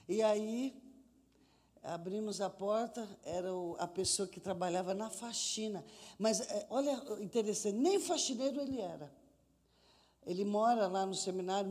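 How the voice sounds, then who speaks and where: A woman preaching a sermon in a church, telling stories emphatically and calling out to the congregation. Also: medium pitch. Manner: emphatic, animated, calls out to the congregation. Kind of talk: sermon with storytelling. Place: church sanctuary. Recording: long church hall reverb.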